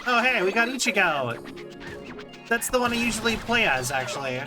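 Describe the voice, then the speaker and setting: A woman's voice: fairly high pitch, very animated, normal speed. Cute, upbeat woman streamer over music. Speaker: variety VTuber streamer. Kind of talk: casual game livestream chat. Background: game music.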